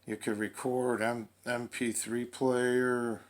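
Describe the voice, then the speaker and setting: Reviewing a gadget off the cuff, this man unboxes it while pausing and musing aloud. His pitch is medium and his tone stays level.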